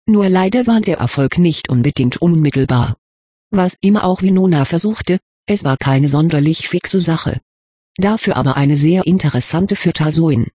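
Wry, husky-voiced audiobook narrator. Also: mid-range voice, lively intonation, normal speed, mellow, no echo. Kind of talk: audiobook reading.

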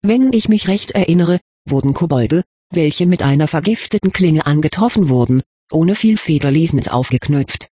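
Reader doing an impatient young male wizard, sarcastic and curt, husky voice, dry sound, audiobook. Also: medium pitch, expressive, normal speed, mellow, no room sound. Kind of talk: audiobook character reading.

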